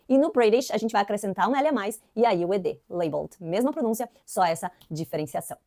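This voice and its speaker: A woman's voice: a little high, darkish tone. Woman teaching English, upbeat and explanatory. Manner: explanatory, repeats example words, frequent "ok?" and "né?". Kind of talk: online English lesson.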